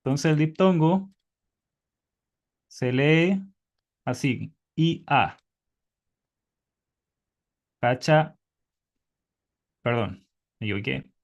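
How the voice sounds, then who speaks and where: A man's voice: fairly high pitch, drawn-out words, pauses often, highs cut off. A man teaching Hebrew in an online class by video call, patiently quizzing his students.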